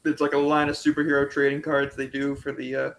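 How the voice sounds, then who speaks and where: A man's voice: medium pitch, monotone, fast talker, vocal fry, a bit bright. A man player in a tabletop game, joking and rambling with restarts. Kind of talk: casual play at a game table.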